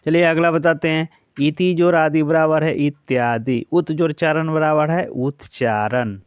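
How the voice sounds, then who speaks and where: A man's voice: on the high side, a little slow, clear, resonant tone, dry recording, highs cut off. Man drilling grammar examples, raised voice. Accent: Bihari Hindi. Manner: repeats examples in a steady drill, checking in with the class. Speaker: teacher. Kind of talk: exam-prep grammar lesson.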